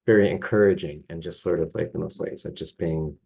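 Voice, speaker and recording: Middle-aged Canadian man, deep and gravelly, laughs through loose anecdotes, slightly dull lo-fi recording. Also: steady tone, brisk, mellow. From Toronto, Canada. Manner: chuckles often, loose rambling with many fillers. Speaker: judo coach and guest. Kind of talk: casual interview storytelling.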